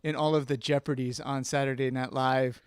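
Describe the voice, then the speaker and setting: A man's voice: medium pitch, level tone, moderate pace, clean tone, no room sound. A man chatting casually on a podcast, rambling and searching for words, often breaking into laughs. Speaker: podcast co-host. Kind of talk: casual chat.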